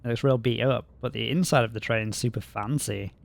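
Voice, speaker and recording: A man's voice: mid-range voice, steady tone, a little fast, creaky. A man streaming a video game, making dry, wry casual commentary.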